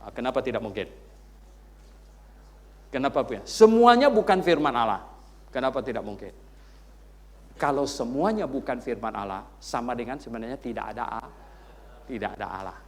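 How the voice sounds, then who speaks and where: A pastor teaching a doctrine class, firing rhetorical questions and repeating points with teasing asides. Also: male voice, medium pitch, brisk, long pauses. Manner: rhetorical questions, heavy repetition, animated jabs; tag fillers "ya loh" and teasing asides.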